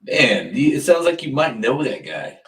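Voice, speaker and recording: A man's voice: medium pitch, sing-song, moderate pace, a bit bright, far from the mic. A man chatting casually as a panelist on a livestream.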